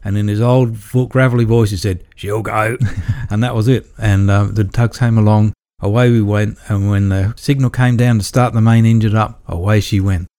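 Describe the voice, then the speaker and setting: A middle-aged Australian electrician, appearing as a guest in a storytelling interview, rambles through his tales with restarts. His voice is on the low side, dark and clean, with fairly even intonation, and he speaks at normal speed with hardly any pauses.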